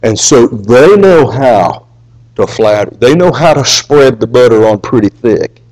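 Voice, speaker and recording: Male preacher, sermon delivery, emphatic, rises and drops in volume, mid-pitched voice. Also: expressive, measured pace, poor audio. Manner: emphatic, wide swings between raised and hushed delivery; reads scripture aloud.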